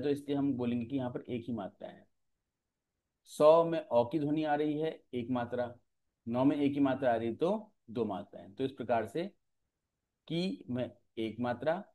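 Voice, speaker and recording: A man with a mellow, darker voice gives an exam-prep lecture. He explains patiently, step by step, and keeps checking in with his students as he goes. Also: medium pitch. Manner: explanatory, often checks in with "ठीक है". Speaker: teacher.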